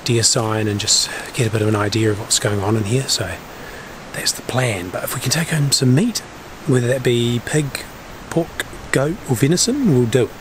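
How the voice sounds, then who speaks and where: Out in the bush and on the hilltops, a man with a broad Kiwi accent vlogs his hunting trip, speaking casually and easygoing to the camera. He has a mid-range voice and talks at a normal speed, with noisy outdoor sound all around him.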